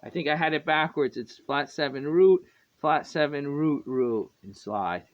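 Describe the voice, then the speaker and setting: A man with a fairly high voice teaches guitar in loose, rambling talk, often breaking off to fix himself and chuckle. The recording is dull and lo-fi. His own guitar rings out clearly behind him. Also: a little slow. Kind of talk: casual music lesson.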